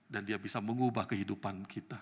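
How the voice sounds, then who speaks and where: A male evangelist preaching a sermon with animated delivery that climbs to loud, emphatic peaks. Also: lowish voice, fast talker, husky. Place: church sanctuary. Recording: reverberant church hall.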